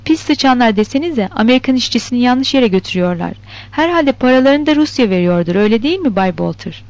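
A woman's voice: on the high side, lively intonation, fast, a little mellow, no echo. A woman reading the lines of a sardonic male union organizer in a novel, mocking and sarcastic. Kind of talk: scripted narration of a novel. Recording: dull lo-fi recording.

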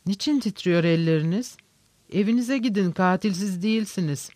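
A man voicing a sickly, sneering former servant who talks with quiet scorn. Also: high-pitched, moderate pace, no echo, lightly acted. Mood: contemptuous.

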